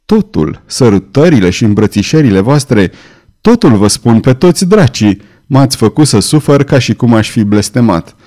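Male reader as a hoarse, proud young rival; bitter threats, dark and low. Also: sing-song, natural voice. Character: jealous young man, violent and proud.

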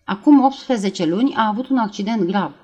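A woman reading aloud and voicing a self-assured mother who speaks low and firmly. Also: a little mellow, natural voice. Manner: low and firm.

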